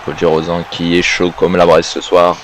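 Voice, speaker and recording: A man's voice: low voice, completely flat delivery, normal speed. A man working as a wrestling co-commentator, naming the moves in short interjections. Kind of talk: wrestling commentary of a video game match.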